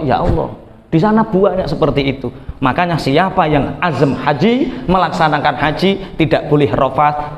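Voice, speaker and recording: A man with a Javanese accent preaching to an audience, telling jokey, animated stories and slipping into Javanese. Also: a little high, a little hiss or hum. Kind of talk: humorous religious talk. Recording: echoey hall with long reverb.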